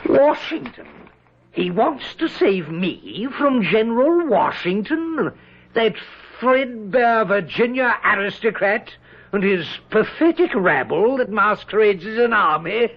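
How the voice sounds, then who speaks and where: A pompous British general in an old radio drama. His voice is highish and husky, sweeping theatrically up and down with sardonic, haughty flourishes. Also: lively intonation, slow pace, heavily acted. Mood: scornful, urgent. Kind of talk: 1970s radio drama acting. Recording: dull lo-fi vintage radio broadcast.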